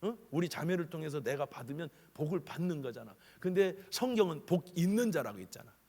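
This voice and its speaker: A middle-aged man with a husky voice preaching a revival sermon in a church sanctuary, lively and animated, acting out the voices he quotes. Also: a little high, fast. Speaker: guest preacher. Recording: long church hall reverb.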